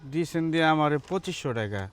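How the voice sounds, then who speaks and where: A man's voice: on the high side, animated, fast talker, no echo, lightly acted. A man playing an aggrieved poor laborer. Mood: pleading. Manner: pleading, then defiant and threatening. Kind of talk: short-film drama acting.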